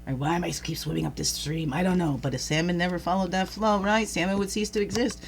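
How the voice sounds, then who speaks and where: A woman's voice: fairly low pitch, fairly even intonation, fast talker. A woman hosting a daily spiritual reflection, talking loosely, laughing at herself and asking the listener many questions. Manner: rambling, warm-hearted, laughs at herself, asks the listener questions. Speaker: host of a daily reflection show. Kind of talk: casual spiritual reflection talk.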